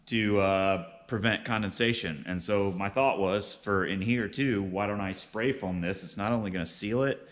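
A man's voice: lowish voice, normal speed. A man in his thirties narrating a casual how-to vlog in a plainspoken, explanatory way, as its host. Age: 30s. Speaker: vlog host, beginner beekeeper. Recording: clearly noisy, with background ambience.

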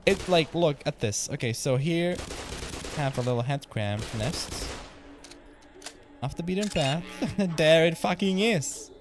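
Against a noisy background, a young man from the Czech Republic streams a game and talks casually in a higher, animated voice that runs a little slow. He reads viewers' messages aloud, swears now and then, and speaks with a Czech accent.

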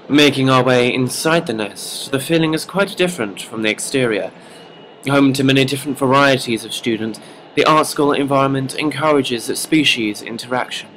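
A man's voice: mid-range voice, a bit bright, slight background noise, rough recording. Man narrating a mock nature documentary.

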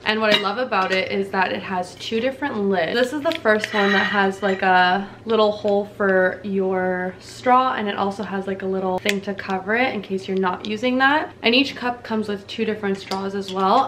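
In a noisy background, a beauty vlogger from Canada in her twenties chats to camera casually, bubbly and slangy, from a small, dim room. Her voice sits at a medium pitch.

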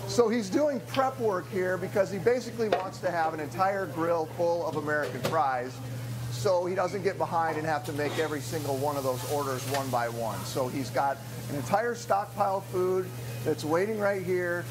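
A man in his forties reporting live for a morning TV show from a small diner kitchen, upbeat and chatty with quick asides. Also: a little high, noisy background. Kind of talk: live on-location TV segment. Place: small diner kitchen beside a sizzling grill. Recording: loud grill sizzle behind.

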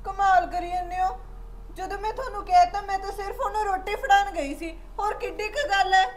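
A very high-voiced young wife, indignant and protesting, pushing back at her husband, as an actress plays her. She explains herself again and again. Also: steady tone, brisk.

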